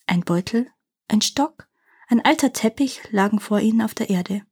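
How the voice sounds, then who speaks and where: Husky-voiced woman reading fairy tales. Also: on the high side, normal speed, darkish tone. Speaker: storyteller.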